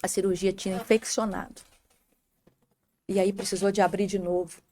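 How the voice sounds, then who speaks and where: Uma mulher com sotaque brasileiro, convidada de um podcast, contando um testemunho de fé com emoção e chamando o apresentador pelo nome. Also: female voice, mid-range voice, little pitch movement, moderate pace, warm tone. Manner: emotional storytelling, often addressing the host by name. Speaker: podcast guest. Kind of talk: faith testimony in an interview.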